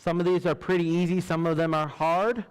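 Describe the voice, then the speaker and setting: A man hosting a church trivia night, reading questions slowly, counting down and laughing at himself. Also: on the high side, flat delivery, smooth. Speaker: trivia host. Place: church hall. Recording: large hall with long reverb.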